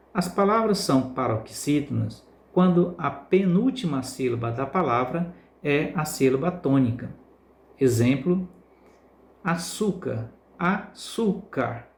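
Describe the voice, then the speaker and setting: Brazilian teacher slowly spelling out stresses. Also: male voice, fairly high pitch, a little mellow, reverberant. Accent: Brazilian Portuguese. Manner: slow, drawn-out word repetition for emphasis. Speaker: Portuguese language teacher. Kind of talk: recorded remote class lesson.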